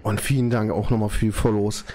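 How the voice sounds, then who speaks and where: A young man streaming from home, overjoyed and slangy, his voice trembling with excitement. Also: fairly low pitch, fairly quick. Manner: overjoyed, slangy, constant exclamations. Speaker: live streamer. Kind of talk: excited live stream reaction. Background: music.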